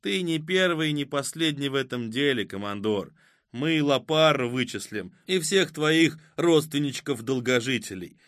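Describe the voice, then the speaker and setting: A man voicing a mocking, vengeful male villain in an audiobook, with a drawn-out, sneering delivery. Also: medium pitch, fairly bright tone, no room sound, studio quality, voice pushed up, natural voice. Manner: sneering, taunting, drawn-out threats. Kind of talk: audiobook character voice.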